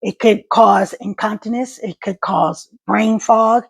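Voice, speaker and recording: A woman talks casually and directly to her online viewers. Her voice is husky and full of fry, with a wet gargle to it as she speaks. Her speech is a little halting, with small stutters. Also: medium pitch. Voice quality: gravelly, husky. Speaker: vlogger and stroke survivor. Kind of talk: casual personal vlog to viewers.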